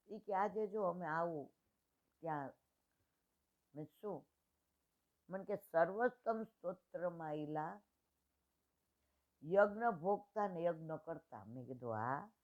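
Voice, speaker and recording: Older woman storyteller at a devotional gathering, lowish voice, retells dialogues in homely speech, tinny phone-like sound. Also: animated, takes it slowly, pauses often, a little mellow. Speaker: satsang speaker.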